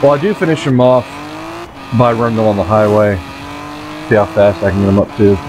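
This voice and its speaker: A man in his late twenties, co-hosting a casual gameplay chat in a relaxed, laid-back way. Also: fairly low pitch, brisk, noisy background. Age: 20s. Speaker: gaming channel co-host.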